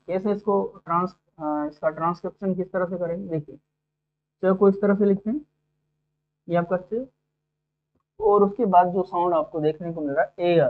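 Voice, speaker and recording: A man's voice: sits high, slight background noise. Man teaching phonetics over tinny audio. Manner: explains step by step, often asks 'ठीक है' and 'है ना'. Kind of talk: phonetics lecture for exam students.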